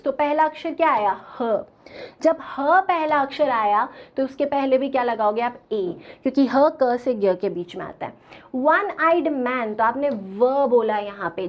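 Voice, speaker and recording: A woman's voice: high-pitched, dull audio. A woman teaching an exam-prep English grammar lecture, explaining patiently and posing questions she then answers herself.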